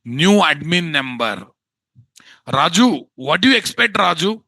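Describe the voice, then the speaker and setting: High-pitched Telugu-accented Indian man teaching class. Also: big pitch swings, measured pace, creaky, pushed and bright, dry recording. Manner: scolding, exasperated, rhetorical questions, tag words. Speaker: instructor of a software course. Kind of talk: live online class, informal lecture.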